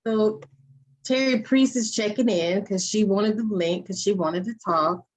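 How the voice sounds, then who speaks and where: A woman's voice: medium pitch, measured pace, rough recording. A woman hosting an open discussion, talking earnestly and candidly about her own experiences. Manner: earnest, storytelling, with sudden loud bursts. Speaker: host.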